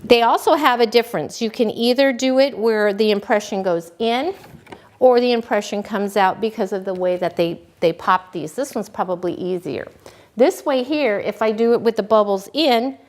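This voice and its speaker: A woman cake decorating instructor giving a relaxed, folksy hands-on demonstration, talking as she works. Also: on the high side. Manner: folksy, relaxed, talks while working.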